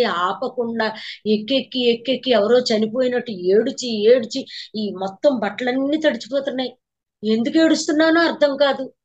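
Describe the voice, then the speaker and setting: A woman meditation teacher giving a spiritual talk to a class, telling her story earnestly and repeating phrases for emphasis. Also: on the high side. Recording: slightly dull lo-fi recording.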